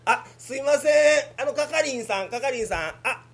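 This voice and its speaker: A man's voice: very high-pitched, normal speed, a bit bright, breathy edge. A man with a Kansai accent performing a solo comic sketch for a podcast, with grumbling, self-mocking asides. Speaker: podcast comedian.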